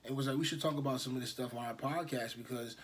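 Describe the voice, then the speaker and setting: A man in his thirties co-hosts a relaxed podcast with his wife. He talks in an easygoing, rambling way and fills his sentences with "um" and "you know." His voice sits at an ordinary middle pitch. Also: fast talker, slightly rough. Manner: laid-back, rambling, lots of fillers. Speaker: podcast co-host. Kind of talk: casual chat.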